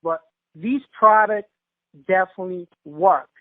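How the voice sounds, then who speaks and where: A man with a notably high voice speaks with fervent, almost preacher-like emphasis, giving an emotional testimonial. The sound is a tinny, dry phone line with no room around it. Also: unhurried, no echo. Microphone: telephone.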